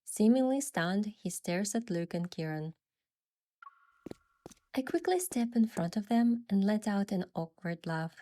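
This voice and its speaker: With music playing behind her, a woman speaks at a medium pitch, unhurried and dark in tone. She is the narrator and lead character of a game event story, delivering scripted first-person narration with acted dialogue.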